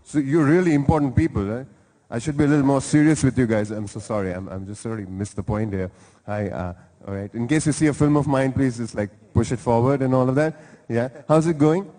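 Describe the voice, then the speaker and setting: At a live event in a large hall, an Indian host teases and jokes with guests in the audience during lively crowd interviews. He talks fairly quickly in a dark-toned, mid-range voice, and the live venue adds hall reverb.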